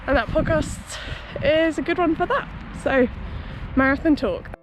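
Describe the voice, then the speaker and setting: A young woman who runs a running vlog chats casually with her audience in a hedging, conversational way, standing outdoors beside a busy city road. Her high voice is unhurried, with faint music in the background. The rough recording picks up street noise and passing traffic.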